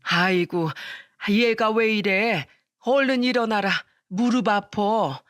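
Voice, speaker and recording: A woman voicing an old mother-in-law who speaks softly, sighing and blaming herself. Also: medium pitch, takes it slowly, no echo, studio quality, close to an everyday voice. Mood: sorrowful. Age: older. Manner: soft, sighing, apologetic.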